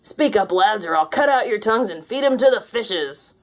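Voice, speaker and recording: A woman voicing a vengeful male pirate ghost as a storybook character, growling and booming in pirate dialect. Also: lively intonation, moderate pace, lightly acted. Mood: menacing.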